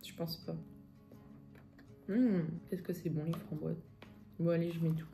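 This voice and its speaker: A woman's voice: fairly low pitch, fairly even intonation, unhurried, creaky, warm tone, soft background music. Chatty young woman in an echoey kitchen. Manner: chatty, enthusiastic, many fillers. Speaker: fitness and food vlogger. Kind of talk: casual vlog chat. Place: home kitchen, indoors.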